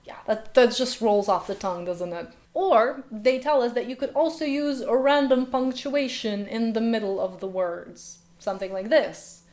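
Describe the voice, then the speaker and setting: Soft music plays behind a woman whose voice is a little high and a little mellow, moving at a moderate pace with few pauses. A linguist and video host, she's a native Slovenian speaker who delivers her commentary vlog sarcastically, with plenty of rhetorical questions.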